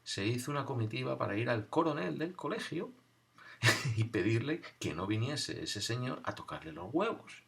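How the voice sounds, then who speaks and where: A man's voice: medium pitch, big pitch swings, moderate pace, gravelly, fairly bright tone. A middle-aged man, telling a wry, conversational story from his childhood and briefly acting out the voices he quotes. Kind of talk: spoken personal recollection.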